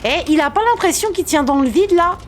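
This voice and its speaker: A woman streaming a game live, excitable, swearing, laughing and shouting at the screen. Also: extremely high pitch, brisk, a little hiss or hum. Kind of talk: live gameplay commentary.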